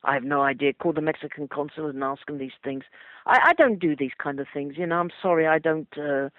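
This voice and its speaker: A man's voice: on the high side, fairly even intonation, fairly quick, no echo. An older man working as a travel agent, talking over the phone in a hesitant, flustered way with many fillers. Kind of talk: phone call. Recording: muffled dry phone line.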